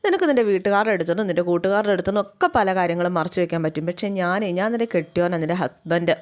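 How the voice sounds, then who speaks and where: A woman's voice: fairly low pitch, lively intonation, racing, natural voice. A woman voicing an angry young husband who scolds his wife bitterly. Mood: angry, reproachful. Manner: scolding, reproachful.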